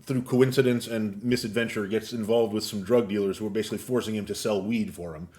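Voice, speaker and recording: A man's voice: lowish voice, fairly even intonation, fast talker, a little mellow. A man co-hosting a podcast in casual chat, telling a story in a rambling way with many restarts. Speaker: podcast co-host.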